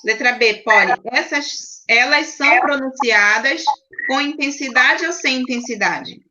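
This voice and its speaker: A woman's voice: high voice, measured pace, muffled recording, noisy background. A woman teacher with a Brazilian Portuguese accent, patiently explaining grammar to children on a video call and checking in often. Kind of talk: online class teaching.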